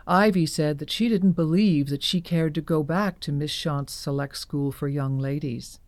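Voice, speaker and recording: A woman narrating an audio drama in a measured storytelling manner. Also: deep voice, a little mellow, no room sound.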